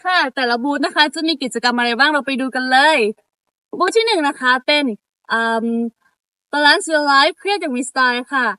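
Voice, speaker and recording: A woman's voice: sits high, expressive, moderate pace, bright, forceful tone, dry recording. A young woman hosting an event, announcing booth activities politely with small fillers as she reads. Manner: polite, with fillers while reading booth details.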